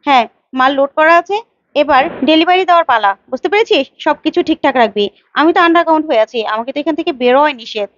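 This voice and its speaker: A woman voicing a crafty gangster lying low, giving curt orders in a high, fast voice. The recording is dry and slightly dull. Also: a bit bright, dry recording. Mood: scheming. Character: hiding gangster man, crafty.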